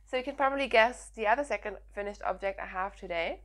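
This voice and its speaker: A young woman from Germany hosting a knitting podcast, talking casually and energetically with lots of "um"s, her voice croaky from hay fever and sniffles. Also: medium pitch, quick pace. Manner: chatty and energetic, frequent "um"s. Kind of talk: casual chat to camera.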